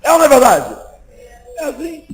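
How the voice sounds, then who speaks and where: A man preaching a sermon in a lively, conversational way, acting out small exchanges between people. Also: very high-pitched, fairly quick, noisy background. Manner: lively, conversational preaching that acts out little dialogues. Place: church meeting, indoors.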